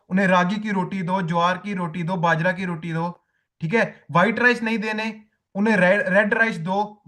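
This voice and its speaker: A man's voice: high-pitched, sharp tone. A man teaching a diet lesson to coaches, repeating key points and telling listeners to write them down.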